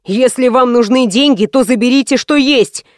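A timid, pampered young man, played by a woman reading a storybook. He pleads in a raised, shaky voice, a touch high. The dry recording has no room sound. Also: normal speed, no echo, close to an everyday voice. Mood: panicky. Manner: frightened, pleading, high-pitched. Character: young male host, pampered pretty-boy, timid. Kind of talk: audiobook character voice.

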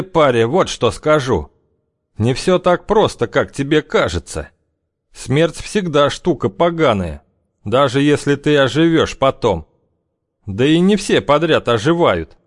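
A man's voice: no echo, clean studio sound. A man doing a sinister weathered gang boss. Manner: raised pitch, ominous warnings. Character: old gang leader, hardened, sinister, weary.

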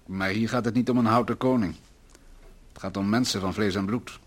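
Playing a worried and earnest husband in a radio drama, this man voices a brooding, rhetorical company economist in a domestic exchange. His voice sits lowish and steady, with a brisk pace and a natural sound.

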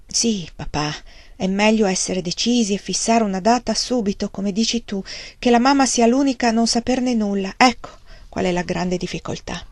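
A woman plays an anguished young daughter in a storybook reading, pleading and emotional. Her voice sits at an ordinary middle pitch. The recording is dry and close. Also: normal speed, no echo, lightly acted. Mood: saddened.

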